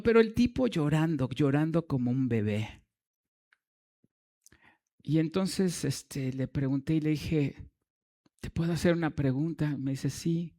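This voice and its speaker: Mellow-voiced preacher telling a story. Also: male voice, on the high side. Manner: storytelling with humor and asides to the congregation. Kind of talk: sermon. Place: church.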